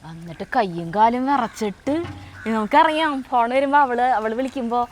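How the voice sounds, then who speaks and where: A middle-aged woman tells a story in a relaxed, chatty way. She uses many fillers and stops to correct herself. Her voice sits a little high, and she talks in a home kitchen. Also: fairly quick, a little hiss or hum. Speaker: co-host of a family cooking vlog. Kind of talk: casual storytelling.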